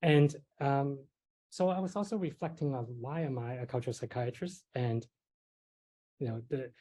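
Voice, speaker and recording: A middle-aged man from Hong Kong, a psychiatry professor, lectures in a lecture hall at normal speed with a medium-pitched, dark voice. He tells personal stories conversationally, with lots of fillers and light, self-deprecating laughs.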